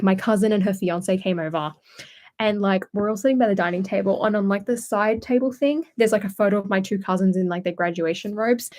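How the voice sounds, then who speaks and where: A woman's voice: mid-range voice, darkish tone. Chatty young woman streamer. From Australia. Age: young adult. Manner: chatty rambling storyteller, many fillers. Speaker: channel host. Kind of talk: casual live-stream chat. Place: at home indoors.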